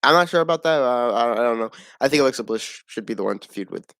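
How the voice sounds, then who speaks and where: A man's voice: medium pitch, expressive, fast, fairly bright tone, dry recording, studio quality. A man giving a casual, opinionated wrestling review, rambling, swearing and laughing at the show.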